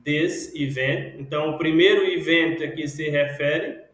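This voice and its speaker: A man teaching an English class, speaking slowly and repeating words one by one to model their pronunciation. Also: a little high, fairly even intonation, fairly bright tone, very echoey, rough recording.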